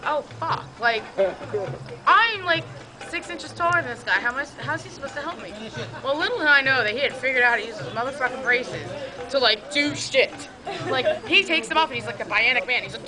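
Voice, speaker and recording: Hoarse high-voiced woman, casual swearing storyteller, outdoors, music playing behind. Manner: profane, animated, acts out quoted voices. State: hoarse, says she has no voice. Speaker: storyteller at a camping event. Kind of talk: casual storytelling among friends. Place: outdoors at a campsite.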